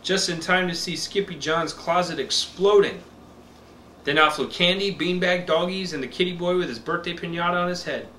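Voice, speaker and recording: Bright-voiced dad reading to a toddler. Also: male voice, high-pitched, moderate pace. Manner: expressive, simple storybook delivery. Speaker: father reading picture books to his child. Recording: echoey room with faint background noise.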